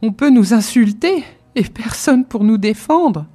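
A woman's voice: medium pitch, normal speed, warm tone, voice pushed up, natural voice. A woman voicing a tearful, put-upon female house cook who complains plaintively. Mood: aggrieved.

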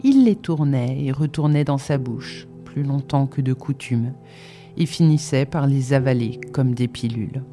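A reader narrating a novel in a measured, even way. The voice is mellow and warm. Faint music runs underneath. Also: mid-range voice. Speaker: audiobook reader.

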